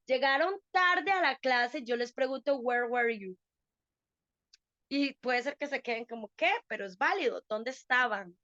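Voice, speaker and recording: A woman's voice: high voice, fairly bright tone, dry recording, muffled recording. A woman teaching an online English class to adults, patiently explaining and checking understanding.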